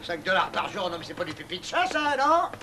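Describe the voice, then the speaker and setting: An actor playing a bossy, stingy older junk dealer in a dubbed film, grumbling in slang. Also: male voice, high-pitched, sing-song, a little fast, sharp tone, a little hiss or hum, exaggerated voice. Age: middle-aged or older.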